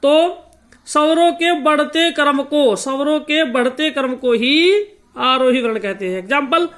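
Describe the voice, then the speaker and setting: Man, music teacher, high-pitched voice, slow repetitive explaining, sings drawn-out notes. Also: fairly bright tone. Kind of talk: spoken lesson with sung note examples.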